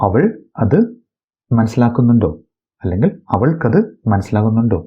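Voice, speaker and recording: A man from Kerala teaches a bilingual phrase lesson. He reads each sentence slowly and deliberately, then translates it. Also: lowish voice, lively intonation, husky, muffled recording. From Kerala, India. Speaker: English teacher.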